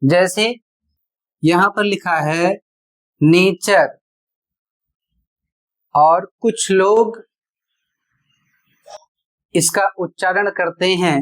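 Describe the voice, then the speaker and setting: In a medium-pitched voice that moves extremely slowly with long pauses, a teacher gives a classroom-style lesson on pronunciation. Rhetorical questions guide the step-by-step explanation of each rule, and words are spelled out one letter at a time.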